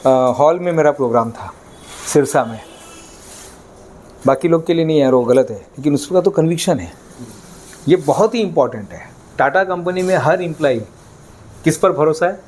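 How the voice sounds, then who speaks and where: A man's voice: fairly high pitch, a little mellow, slight background noise. A man leading a live sales training session, coaxing the audience with energy and getting them to chant lines.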